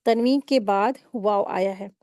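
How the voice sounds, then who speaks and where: A woman teaching Quran recitation rules step by step in a patient, explaining manner, pausing to recite words slowly. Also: mid-range voice, darkish tone, no room sound, studio quality. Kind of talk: step-by-step tajweed lesson.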